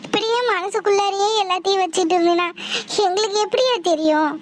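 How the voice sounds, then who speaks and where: A worried village mother coaxes her son in a cartoon, as a woman voices her. The voice is very high, and faint noise runs behind it. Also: fast. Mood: coaxing. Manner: coaxing, pleading.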